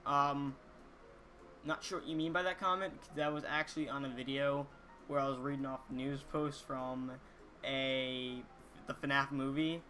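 A fourteen-year-old boy vlogging casually to viewers, talking in an earnest, halting way with repeated words. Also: medium pitch, fairly even intonation, pushed and bright, faint music behind. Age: teenager, 14. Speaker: YouTuber reading viewer comments. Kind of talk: casual chat to camera. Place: small indoor room, gaming chair.

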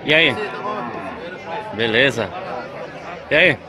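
A man's voice: medium pitch, drawn-out words. A man with a Northeastern Brazilian accent films a vlog at an outdoor cattle market, asking sellers for prices and repeating them for his viewers. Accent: Northeastern Brazilian Portuguese. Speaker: vlogger filming a cattle fair. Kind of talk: casual vlog narration. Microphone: handheld camera. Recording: outdoor market crowd noise. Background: loud crowd chatter.

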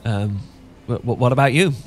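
A British audio roleplay performer plays an awkward, sentimental English professor in a romantic ASMR roleplay, stammering, hesitant, and full of false starts in a nervous, awkward mood. His mid-range voice moves at a moderate pace and is lightly acted. There's slight background noise.

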